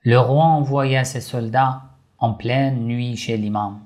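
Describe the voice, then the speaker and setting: A man slowly narrating a religious story for children, addressing young listeners gently and deliberately. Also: mid-range voice, steady tone.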